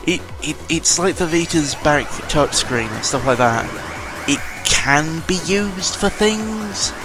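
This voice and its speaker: This British man's voice is fairly high and animated, though he speaks slowly. He's a gaming vlogger giving loose, digressive commentary, peppered with swearing and frequent self-corrections, with music underneath.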